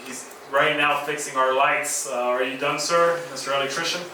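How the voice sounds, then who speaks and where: A man's voice: mid-range voice, steady tone, moderate pace, bright, forceful tone. A male Dominican host emceeing a comedy night, joking between acts in a small club. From Dominican Republic. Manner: joking, hyping the crowd. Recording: echoey room from far off, noisy.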